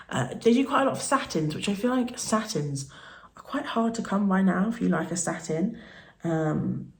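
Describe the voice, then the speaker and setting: Early-morning croakiness colors the fairly low voice of this UK woman in her thirties, a beauty vlogger doing her makeup at home. It's a relaxed get-ready-with-me ramble, full of fillers and soft little laughs.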